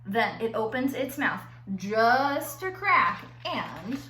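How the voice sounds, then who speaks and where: Reading slowly but very animatedly to children, a woman with a bright, forceful, fairly high voice acts like a playful teacher, her pitch swinging widely as she stretches words and tosses in chatty asides. It's recorded in a very echoey room with faint background noise.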